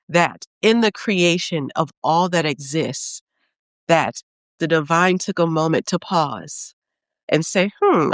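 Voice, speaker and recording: A woman's voice: sits low, no room sound, studio quality. A woman who is an author and program leader, speaking in an earnest, reflective way as she gives a heartfelt spiritual talk.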